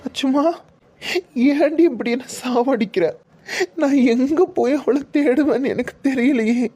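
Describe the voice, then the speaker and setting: A woman's voice: high voice, a little slow, mellow, slightly rough, soft background music. Woman playing a heartbroken young husband. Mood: pleading. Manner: pleading, emotional. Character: young husband, frantic and heartbroken, searching for his wife.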